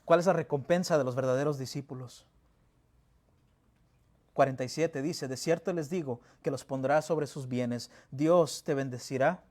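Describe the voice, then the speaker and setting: A pastor preaching a sermon in a church, asking rhetorical questions and reading scripture with emphasis. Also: male voice, mid-range voice, normal speed, a little mellow. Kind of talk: Spanish-language sermon. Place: church sanctuary.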